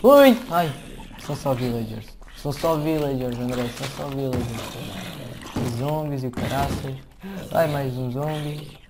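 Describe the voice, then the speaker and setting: A man with a European Portuguese accent giving casual, excitable, slangy commentary to viewers while he plays a game at his computer. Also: medium pitch, a little slow, very noisy. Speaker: gameplay commentator. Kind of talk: casual let's-play commentary. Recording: keyboard clicks and typing behind.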